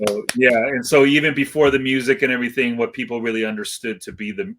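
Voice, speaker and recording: A fast-talking middle-aged man with a mid-range voice and little pitch movement appears as a guest in a casual interview. He is a hip hop DJ who came to California from Iceland at seven, and his talk is rambling, slangy, hesitant and reflective.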